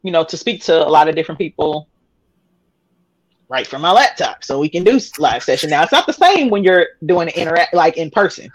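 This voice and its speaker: A woman's voice: low voice, big pitch swings, fairly quick, low-quality recording. A woman in her thirties, a podcast guest telling her story candidly, rambling with many fillers and restarts and laughing often. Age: 30s.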